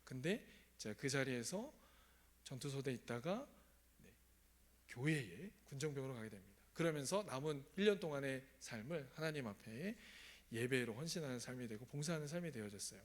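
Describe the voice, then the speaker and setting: A man's voice: medium pitch, lively intonation, fairly quick. A man preaching a sermon in a church, telling his own story and often asking the congregation questions. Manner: asks the congregation questions, conversational. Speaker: pastor. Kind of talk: sermon with personal testimony. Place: church sanctuary.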